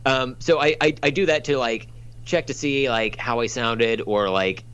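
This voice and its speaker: A man's voice: mid-range voice, fairly even intonation, moderate pace, a bit bright, dull audio, slight background noise. A man from Oklahoma chatting casually on a podcast, rambling with many fillers and restarts. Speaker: podcast guest and fellow podcaster.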